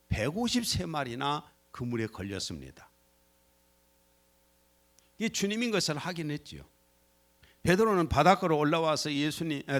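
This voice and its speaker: Animated Korean pastor preaching. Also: male voice. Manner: animated, acts out quoted lines with shifts in pitch and loudness. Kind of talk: sermon. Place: church sanctuary.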